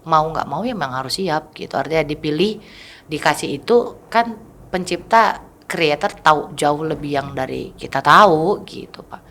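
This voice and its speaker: Guest, woman in her thirties, low voice, candid storyteller who acts out the lines of the people she quotes. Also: lively intonation, moderate pace, fairly bright tone, slight background noise. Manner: candid storytelling, often acting out what others said. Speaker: mother of a child with a rare condition, interview guest. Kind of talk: casual interview talk.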